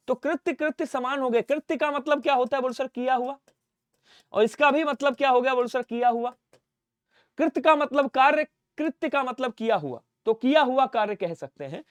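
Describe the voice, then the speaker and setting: A male teacher runs an exam-prep lesson, asking his students question after question and answering for them. His voice sits high, and the recording is dry and close, with no room sound. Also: clean tone, dry recording. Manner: drills students with call-and-response questions; stresses and repeats spellings. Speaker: Hindi teacher.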